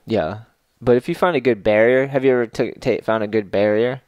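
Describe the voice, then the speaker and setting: A man's voice: mid-range voice, fairly quick, a little mellow, smooth, no room sound. A man in his thirties in casual podcast chat, laid-back and slangy, swearing often. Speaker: podcast co-host. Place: small studio room, indoors. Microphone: boom mic with headphones.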